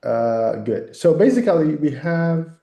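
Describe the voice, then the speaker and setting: Slow, mellow male teacher in echoey room. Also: a little high, expressive, creaky. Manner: checks in often with "okay, right, yeah". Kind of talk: informal online lesson, guiding discussion. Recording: roomy, echoing sound.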